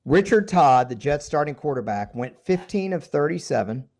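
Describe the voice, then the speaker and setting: A middle-aged man co-hosts a sports show, casually telling rambling stories full of asides. His voice is a little high but darkish, animated, and at normal speed.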